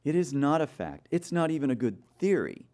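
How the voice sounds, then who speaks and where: Fairly high-pitched, very animated and brisk, this man speaks with a dark tone. His Bible study lecture plays out like a sermon, full of stories and rhetorical questions, with repeated "okay?" checks on his listeners.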